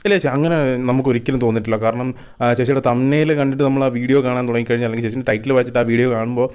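A man rattles off commentary at a breakneck pace, his voice sitting at an ordinary middle pitch. He plays the reaction-video host, teasing and mock-sympathetic in a sarcastic troll style. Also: fairly even intonation, very fast, darkish tone, smooth.

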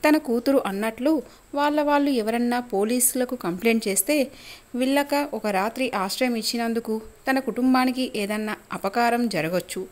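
A woman's voice: a little high, moderate pace. Woman narrating a storybook. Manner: steady, expressive storytelling.

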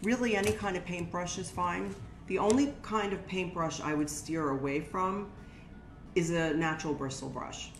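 A woman's voice: lowish voice, normal speed. An older woman running a casual hands-on craft demonstration, explaining steps plainly to viewers. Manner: chatty, practical, talks to viewers as "guys". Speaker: shop owner teaching a craft workshop. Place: indoor shop workspace with brick wall. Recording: roomy, faint music behind.

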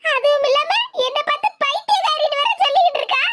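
A woman's voice: very high-pitched, quick pace, loud music behind the voice. A woman voicing a dramatic, self-pitying grown daughter in a cartoon, with a Tirunelveli accent and a complaining manner. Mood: indignant. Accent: Tirunelveli Tamil. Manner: complaining, theatrical. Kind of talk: cartoon voice acting.

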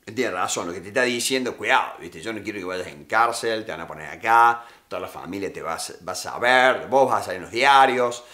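A man acting out a soft-spoken, reassuring good cop in an interrogation, speaking. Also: fairly low pitch, a little fast, hardly any pauses, pitched below the performer's own voice. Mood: coaxing. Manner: hushed, confiding, reassuring.

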